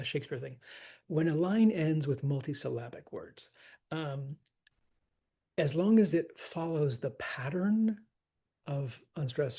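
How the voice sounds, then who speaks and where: A man teaching poetry scansion, talking slowly and thoughtfully and sounding out the rhythm of each line aloud. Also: a little high, warm tone, breathy edge. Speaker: acting teacher.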